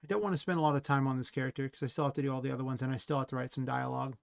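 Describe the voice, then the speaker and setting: Gravelly man musing to himself. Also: mid-range voice, fairly even intonation, rapid-fire, dry recording, clean studio sound. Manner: rambling, talks to himself, trails off. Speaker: indie game developer streaming his work. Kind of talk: thinking aloud while working.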